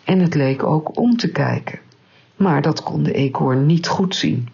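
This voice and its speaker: Woman reading a storybook, slow and calm, husky voice, bit lo-fi. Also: deep voice.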